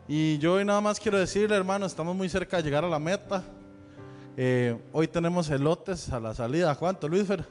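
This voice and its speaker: Pastor guy with a central american spanish accent, joking around during church announcements, reverby sanctuary. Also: on the high side. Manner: chatty, joking with the congregation. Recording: long hall reverb with faint music.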